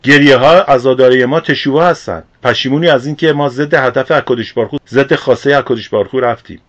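A man, a religious teacher, preaching a sermon in an earnest, explanatory way and posing rhetorical questions. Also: mid-range voice. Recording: dull lo-fi recording.

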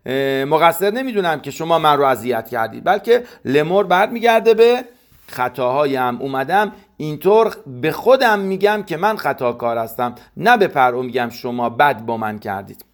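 A man giving a verse-by-verse Torah commentary lesson, reading Hebrew lines and explaining them slowly. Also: on the high side, lively intonation. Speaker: Torah teacher.

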